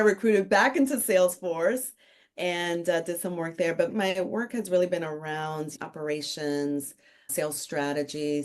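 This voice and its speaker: Low-voiced woman telling her career story. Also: a little mellow. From Dominican Republic. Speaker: podcast guest, author and consultant. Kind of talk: casual interview chat.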